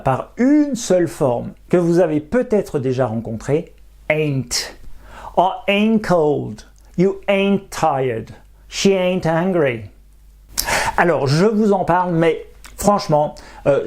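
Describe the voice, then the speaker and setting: Clear, patient English teacher. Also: mid-range voice, darkish tone. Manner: slows down to pronounce each English example carefully; clear step-by-step explaining, with quick asides. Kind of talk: beginner English lesson.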